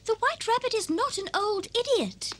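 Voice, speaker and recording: A woman voicing Alice, a polite, sensible young girl who gently scolds rude boys in a cartoon. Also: very high voice, expressive, normal speed, very noisy. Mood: earnest. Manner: earnest, gently reproachful.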